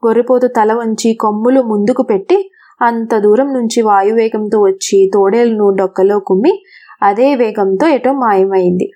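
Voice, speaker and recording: మెల్లని గొంతుతో కథ చెప్పే స్త్రీ. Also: female voice, mid-range voice. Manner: steady, expressive storytelling. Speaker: storyteller. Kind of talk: children's story narration.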